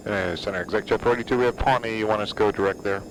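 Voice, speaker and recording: A man with a deep voice talks quickly as a pilot over the radio, thinking aloud between procedural calls. Loud aircraft cockpit noise runs behind him. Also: fairly even intonation. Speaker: home cockpit flight simulator pilot and streamer. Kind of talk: pilot over the radio mixed with muttered commentary. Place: home flight simulator cockpit.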